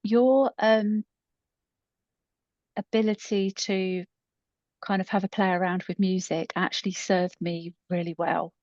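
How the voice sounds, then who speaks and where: Her mid-range voice is a little mellow and fairly even, a little slow, with long pauses. She is a podcast co-host and coach in her fifties, casually storytelling in a rambling, self-deprecating way, and the audio is muffled and roomy with echo.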